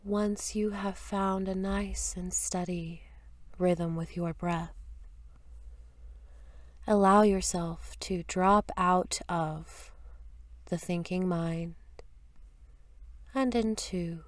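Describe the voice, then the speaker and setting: A meditation teacher guides a meditation in a soft, gentle, soothing voice that is lowish and steady, sometimes breathy. She delivers unhurried phrases with long pauses, and the recording has no echo.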